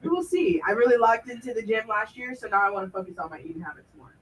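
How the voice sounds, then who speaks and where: A woman with a hoarse, smoky rasp, co-hosting a radio show in casual, playful, slangy chat. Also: a little high, lively intonation, quick pace, far from the mic, rough recording. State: hoarse after partying. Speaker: co-host of a sports and pop culture show.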